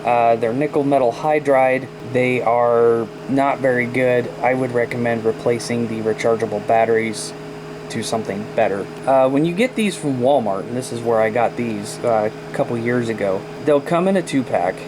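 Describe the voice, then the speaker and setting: A man's voice: mid-range voice, moderate pace. A plain-spoken, folksy man giving a casual product review as a vlogger. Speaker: radio reviewer. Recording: noisy camera audio.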